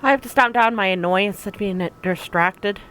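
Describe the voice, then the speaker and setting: A woman reading first-person narration from a visual novel aloud in an even, reflective way. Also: mid-range voice, moderate pace, a little hiss or hum, rough recording. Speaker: let's play narrator.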